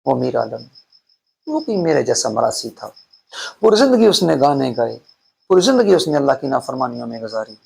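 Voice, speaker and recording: A man's voice: mid-range voice, very animated, creaky, darkish tone, husky. A man telling a devotional story as a preacher, his delivery fervent and building to emotional peaks. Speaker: preacher, channel host.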